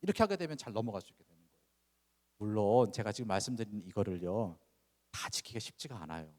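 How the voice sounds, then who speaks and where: Lively-voiced man preaching in a church. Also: lowish voice, quick pace. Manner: conversational, asks the congregation rhetorical questions; acts out parent-child dialogue examples. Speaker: pastor. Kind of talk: sermon. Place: church sanctuary. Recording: long reverb of a church sanctuary.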